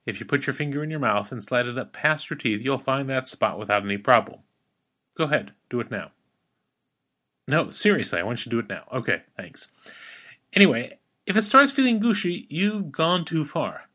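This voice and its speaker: A man hosts a scripted language lesson with an animated, swooping delivery. His tone is playful and wry, full of dry asides to the listener. When he models a sound, he slows right down and speaks carefully. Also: mid-range voice. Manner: slows down to spell out and model pronunciation. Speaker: podcast host teaching a language.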